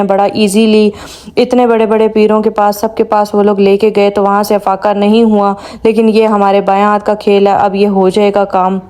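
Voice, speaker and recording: A woman vlogger talks straight to her audience in an easy, chatty commentary. Her voice is mellow and warm, sitting at an ordinary middle pitch. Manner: chatty, addresses viewers directly. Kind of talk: casual commentary to viewers.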